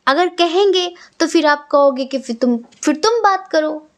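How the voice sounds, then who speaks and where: Young female tarot reader, high-pitched, earnest and direct, repeats herself for emphasis. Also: expressive, moderate pace. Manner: earnest, repetitive, addresses the viewer directly. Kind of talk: casual tarot reading to camera.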